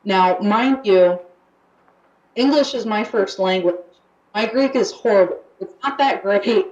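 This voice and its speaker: Heard through a muffled, roomy radio recording, a young woman from the United States speaks at an unhurried pace in a medium-pitched, slightly mellow voice. She's chatty on the show, filling her speech with fillers and restarting often.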